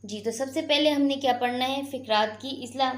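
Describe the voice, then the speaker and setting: A woman's voice: high-pitched, fairly quick, roomy sound. A woman teaching a class, patiently explaining and asking her students questions. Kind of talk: classroom lesson.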